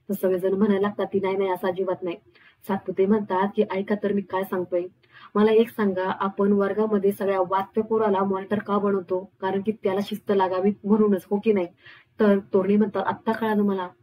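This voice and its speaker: A woman recapping a TV serial episode, retelling the characters' dialogue in a steady, even voice. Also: medium pitch, husky, no room sound, poor audio. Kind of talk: storytelling recap with quoted dialogue.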